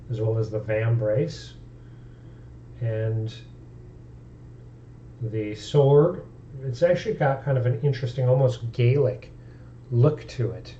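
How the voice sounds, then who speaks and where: A man's voice: mid-range voice, mellow, highs cut off, a little hiss or hum. A man streaming about tabletop games, talking casually and thinking aloud in an easygoing way. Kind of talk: casual live-stream talk.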